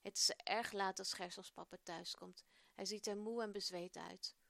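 Gravelly-voiced woman reading a children's story. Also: mid-range voice, steady tone, moderate pace, fairly bright tone, no echo. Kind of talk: read-aloud children's Bible story.

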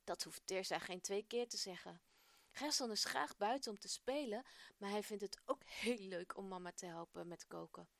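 A woman storyteller reading a children's Bible story aloud in a gentle, expressive voice. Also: mid-range voice, normal speed, gravelly, dry recording.

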